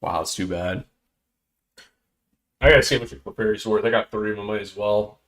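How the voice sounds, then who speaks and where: A man's voice: lowish voice, fairly quick, fairly bright tone. A man hosting a casual livestream, chatting and muttering to himself with little exclamations as he sorts through items. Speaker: host. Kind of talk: casual livestream chat while sorting cards.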